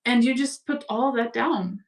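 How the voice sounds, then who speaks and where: A woman in a spiritual conversation, speaking reflectively and gently, over a video call. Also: a little high, measured pace, recorded from a distance. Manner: reflective, gentle, uses imagery. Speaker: guest.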